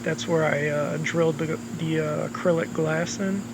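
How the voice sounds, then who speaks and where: A man's voice: fairly high pitch, steady tone, moderate pace, noisy background. A man casually narrating his home-repair project, rambling with lots of ums and the odd swear word, his voice a bit worn. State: losing his voice. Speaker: homeowner vlogger.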